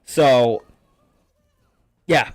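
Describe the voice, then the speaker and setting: Man, game streamer, profane rambling rant, sarcastic, middle pitch, dry close sound. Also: extremely slow, no room sound. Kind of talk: casual rant over gameplay.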